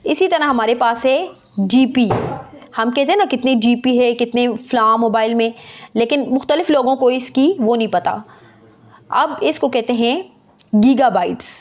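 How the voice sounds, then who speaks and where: Higher-voiced woman teaching, muffled audio. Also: moderate pace. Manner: spells words out letter by letter and repeats key terms. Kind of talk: explaining a lesson. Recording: muffled lo-fi recording.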